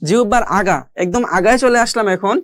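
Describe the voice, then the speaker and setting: A recitation teacher giving a recorded online class, patiently explaining step by step and repeating each letter sound slowly several times. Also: mid-range voice, no echo. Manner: explains step by step, addressing learners directly.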